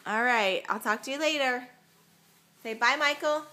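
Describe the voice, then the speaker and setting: A woman's voice: sits high, normal speed, sharp tone, a little hiss or hum. A woman at home in a casual video, coaxing a toddler to repeat words, patiently repeating prompts and laughing often. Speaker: parent coaching a toddler.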